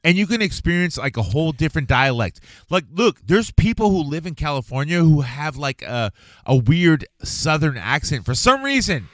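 A man's voice: a little high, big pitch swings, normal speed, a bit bright, dry recording. A man co-hosting a podcast, riffing and swearing in casual banter. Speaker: podcast co-host.

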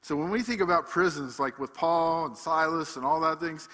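A man preaching a sermon, emphatic, swinging between loud passages and hushed ones. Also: fairly high pitch, moderate pace, in a large hall.

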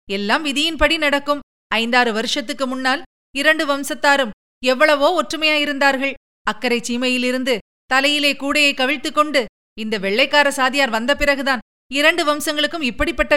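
A woman's voice: sits high, normal speed, sharp tone, pitched above the performer's own voice. A woman doing a fond chattering old nursemaid. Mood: coaxing. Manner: coaxing, gossipy.

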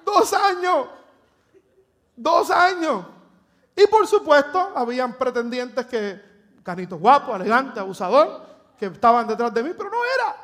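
A man's voice: extremely high pitch, sing-song, moderate pace, fairly bright tone. A Puerto Rican man preaching a sermon to his congregation, telling the story dramatically and joking with the church. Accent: Puerto Rican Spanish. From Puerto Rico. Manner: dramatic storytelling, acts out scripture and jokes with the congregation. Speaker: pastor. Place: church sanctuary.

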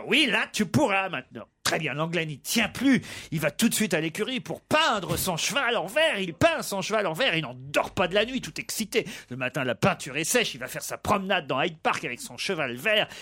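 Lively male radio host telling a joke. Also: sits high, fairly quick. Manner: lively storyteller, teasing.

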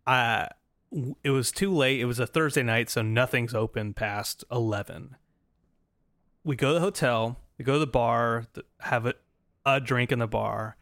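In a casual storytelling chat, an American man co-hosting a podcast laughs and restarts his way through a rambling travel story. He has a mid-range voice at normal speed with a fairly bright tone, in studio quality with no room sound.

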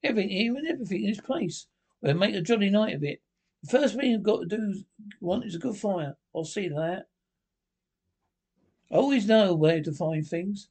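A man reading aloud and voicing a cheerful, brisk male water rat with a hearty, bustling manner. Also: sits high, gravelly, darkish tone, breathy edge, pitched above the performer's own voice, full character voice. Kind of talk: storybook reading.

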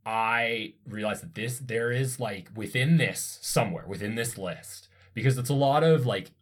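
A man's voice: medium pitch, moderate pace. A man co-hosting a casual educational chat, explaining science with enthusiastic, digressive asides. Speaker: podcast co-host explaining science.

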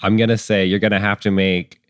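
A man narrating as game master of a tabletop game, halting and full of ums and likes. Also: fairly low pitch, flat delivery, dry recording, studio quality.

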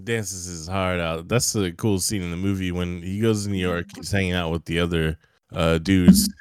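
A young man talks movies with a laid-back, profane, rambling manner. His voice sits very low and comes across smooth and resonant. The sound is close and dry, with no room around it. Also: fairly even intonation, moderate pace, a little mellow, dry recording. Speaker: podcast co-host. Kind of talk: casual movie-review chat.

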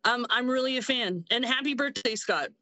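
A woman guest on a podcast, speaking in a warm, hesitant way with many fillers. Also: fairly high pitch, moderate pace, no room sound, poor audio. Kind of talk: casual podcast chat.

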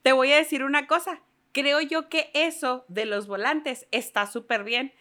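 A Mexican woman in casual chat, talkative and reflective, talking in quick bursts. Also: sits high, sharp tone.

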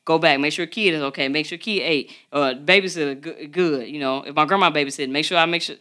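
An animated woman co-hosting a podcast, chatting casually and laughing often. Her voice is bright and forward, with a lively, forceful edge. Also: low voice, quick pace. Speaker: podcast co-host. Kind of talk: casual chat. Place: podcast studio.

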